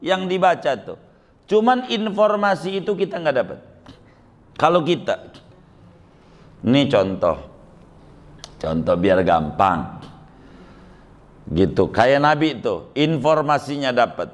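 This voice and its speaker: A man's voice: medium pitch, expressive, takes it slowly, pauses often. A male Islamic preacher from Banten, giving a humorous sermon, chatty and joking, acting out little scenes and repeating words for effect. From Banten, Indonesia.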